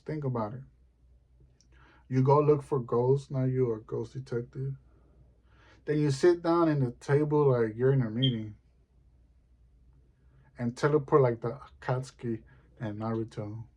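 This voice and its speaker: A man performing a rambling, deadpan stand-up comedy monologue. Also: mid-range voice, unhurried, pauses often.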